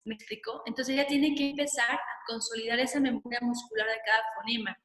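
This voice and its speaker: A woman speech therapist, patiently explaining in a webinar and sounding out syllables slowly. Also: on the high side, steady tone, a bit bright. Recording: echoey room, long reverb.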